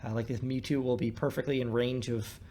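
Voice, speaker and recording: A man's voice: medium pitch, fairly even intonation, brisk, mellow, slight background noise. Man musing aloud, full of fillers. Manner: thinks aloud with many fillers and restarts. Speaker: co-host discussing a card game. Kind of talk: casual gameplay commentary.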